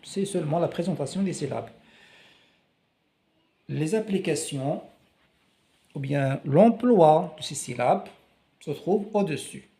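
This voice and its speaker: Slow, mellow-voiced male reading teacher. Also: fairly high pitch. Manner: slow, deliberate, repeats words to model pronunciation. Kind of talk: slow syllable-by-syllable reading lesson.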